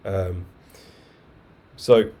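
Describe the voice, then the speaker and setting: A man teaching a live online coding class, explaining step by step in a relaxed, chatty way with asides and fillers. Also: deep voice, very slow. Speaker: coding bootcamp instructor. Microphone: webcam video call mic. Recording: faint background noise.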